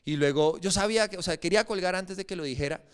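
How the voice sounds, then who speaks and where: Young guy preaching, high and clear voice, animated storytelling, gets emphatic. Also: quick pace. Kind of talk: sermon.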